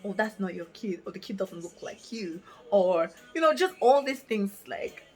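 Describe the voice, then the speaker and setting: In this rough recording with faint music behind, a vlogger in her late twenties from Africa speaks at normal speed in a mid-range, slightly mellow voice with lively intonation. She reads from notes into her camera mic, yet the talk is casual and reflective, full of fillers and restarts as she thinks out loud.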